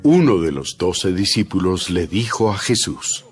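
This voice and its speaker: Over loud music, a man narrates a dramatized scripture reading in a scripted manner as a Bible narrator. His voice sits low and is very animated, paced in a measured way.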